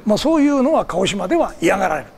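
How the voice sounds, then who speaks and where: A man's voice: sits high, sing-song, rapid-fire, gravelly. An older man from Kagoshima giving a formal public lecture, polite and digressive, with many fillers between phrases. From Kagoshima, Japan.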